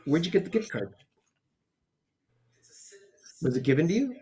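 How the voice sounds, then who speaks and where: A man's voice: fairly high pitch, very animated, normal speed, mellow. Chatty man hosting a home watch party. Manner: chatty, greets viewers and explains the setup. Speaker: co-host. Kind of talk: casual watch-party commentary. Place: home dining room.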